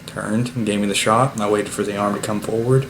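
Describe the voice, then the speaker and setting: A man hosting a casual hunting vlog, recapping the day at home in a relaxed, unhurried way with plenty of "uh" fillers. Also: fairly low pitch. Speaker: bowhunter and channel host. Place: at home after the hunt. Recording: steady background noise.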